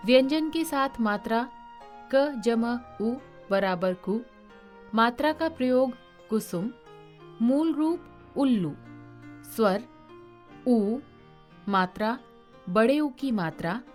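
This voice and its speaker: A woman reciting a grammar lesson in a slow, deliberate way, letter by letter with examples. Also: fairly high pitch, darkish tone. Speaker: teacher.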